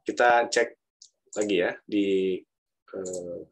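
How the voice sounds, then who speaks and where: A man's voice: deep voice, fairly even intonation, slow. A male university lecturer with an Indonesian accent, teaching pronunciation and repeating words aloud to model them. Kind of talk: pronunciation lesson.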